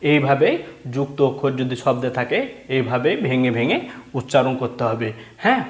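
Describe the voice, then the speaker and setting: A man teaching a reading lesson, patiently spelling words out letter by letter and then blending them. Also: mid-range voice. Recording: echoey room.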